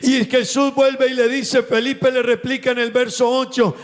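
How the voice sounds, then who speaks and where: High-voiced preacher in a reverberant church. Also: male voice, level tone. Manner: retells scripture scenes, slowing and stressing quoted words. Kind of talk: sermon. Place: church hall. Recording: long reverb of a church hall.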